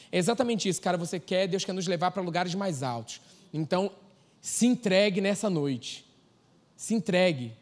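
A man with a Brazilian Portuguese accent preaching a sermon in a relaxed, slangy way, telling stories and laughing. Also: high voice. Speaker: pastor.

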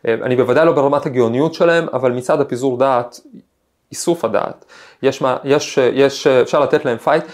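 A man hosts a podcast in a medium-pitched, slightly mellow voice. He is a professor giving a reflective talk that includes a personal anecdote, speaking thoughtfully in a storytelling way with frequent hesitations.

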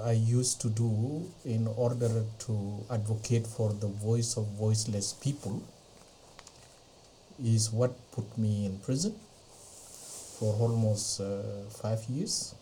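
A middle-aged man from Ethiopia, not a native English speaker, slowly recounting his life in a podcast interview with many pauses and fillers. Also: mid-range voice, fairly even intonation, dark tone, a little hiss or hum, poor audio. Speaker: interview guest. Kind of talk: slow personal testimony. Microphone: podcast interview mic.

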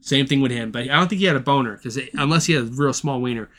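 Male podcast co-host, mid pitch, casual and profane, rambling through a plot recap. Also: rapid-fire, a bit bright, slight background noise. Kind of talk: casual chat.

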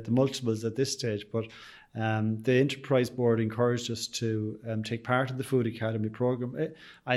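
Chatty man with a west of Ireland accent. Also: medium pitch. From Sligo, west of Ireland. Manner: chatty, rambling, with frequent "you know". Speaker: bakery owner being interviewed. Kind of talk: conversational interview answers.

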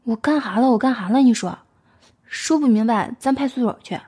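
A woman's voice: a little high, brisk, warm tone, breathy edge. A woman voicing a blustering pickpocket man in his thirties with a Northeastern Chinese accent, defensive and playing dumb.

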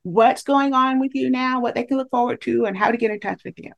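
Enthusiastic, gravelly-voiced woman host. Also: a little high, brisk, muffled recording. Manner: enthusiastic, chatty, laughs often. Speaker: podcast host. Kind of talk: podcast interview.

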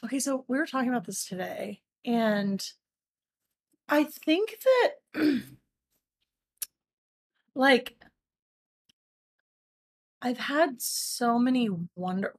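A young woman bartender as a guest in a casual chat, playful and quick with laughing asides. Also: a little high, expressive.

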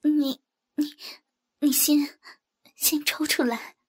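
A woman's voice: high-pitched, measured pace, pitched above the performer's own voice. A woman voicing a distressed young wife who stammers and pleads through tears. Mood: flustered. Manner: stammering, tearful.

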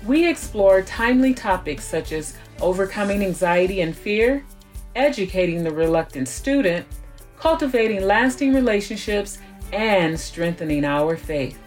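A woman's voice: mid-range voice, animated, normal speed, soft background music. A woman hosting an interview podcast, reading a scripted intro and then asking encouraging questions. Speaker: podcast host.

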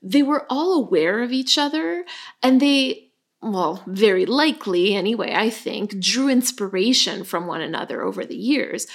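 A woman co-hosting a podcast in casual chat, chatty and laughing often. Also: mid-range voice. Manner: chatty, laughs often, animated when joking. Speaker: podcast co-host.

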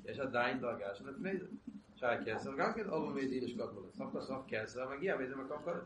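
A Torah teacher works through a text in an echoey room, halting, repeating words, restarting, and posing rhetorical questions he then answers. His medium-pitched voice is expressive but sits far from the mic, with a loud crowd around him.

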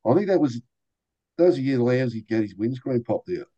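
An older man, a racing driver guest, telling lively anecdotes and acting out quoted voices in a casual interview. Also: mid-range voice, brisk, lo-fi sound.

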